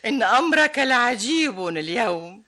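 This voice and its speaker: A woman's voice: a little high, expressive, moderate pace, sharp tone. A woman co-presenting a scripted radio literary program, replying and commenting in formal classical Arabic.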